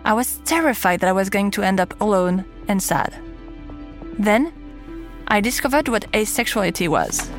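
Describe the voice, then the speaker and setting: A woman's voice: medium pitch, animated, normal speed, faint music behind. A woman in her thirties with a French accent, host of a podcast, telling her own story in candid scripted narration. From France. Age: 30s.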